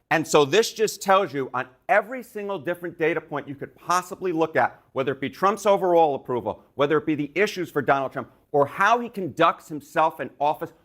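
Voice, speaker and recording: A man's voice: a little high, a bit bright. A male news analyst explaining poll figures in an emphatic television style.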